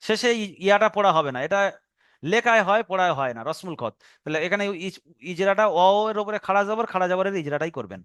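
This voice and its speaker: A man's voice: high-pitched, expressive, a bit bright, clear, resonant tone, no echo, clean studio sound. A male teacher with a Bengali accent explaining Quran reading rules patiently, step by step, in a recorded online lesson. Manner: patient step-by-step explaining, slow drawn-out recitation of example words.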